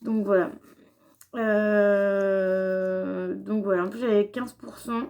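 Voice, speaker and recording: A woman's voice: medium pitch, steady tone, slow pace, creaky, a little mellow, highs cut off. A young woman chatting casually through a shopping haul vlog, with lots of fillers and restarts. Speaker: beauty vlogger.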